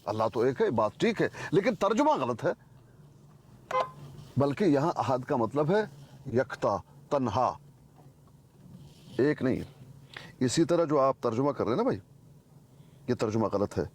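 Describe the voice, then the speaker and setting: A man's voice: mid-range voice, sing-song, long pauses, a little mellow, a little hiss or hum. A man in a heated religious debate who insists that translations are wrong and recites scripture in Arabic. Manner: insistent, repeatedly correcting translations.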